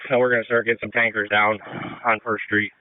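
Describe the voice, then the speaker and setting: Over a muffled, narrow-band two-way radio with a little hiss or hum, a fireground officer directs crews in terse, procedural firefighter talk. His voice is fairly low, quick, and has little pitch movement.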